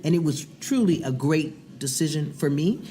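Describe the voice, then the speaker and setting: Middle-aged businesswoman guest, chatty and animated, stumbles and repeats words getting going. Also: low voice, normal speed, slight background noise. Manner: animated, repeats words when starting a thought. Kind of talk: casual interview chat.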